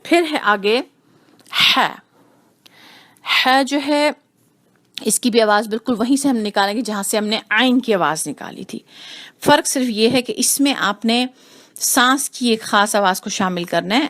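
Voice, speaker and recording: A woman teaching Quran recitation rules, explaining slowly and repeating each sound to demonstrate it. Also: on the high side, a bit bright. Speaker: tajweed teacher. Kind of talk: patient recitation lesson.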